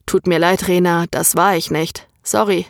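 A woman voicing a hesitant, friendly young man in an audiobook story, softly and unsure. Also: fairly low pitch, fairly even intonation, normal speed, creaky, no echo, clean studio sound. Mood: apologetic. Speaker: story character.

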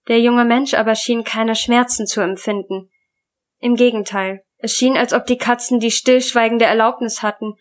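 A woman narrating a spoken horror story as an audiobook reader, in an even, measured reading style. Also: a little high.

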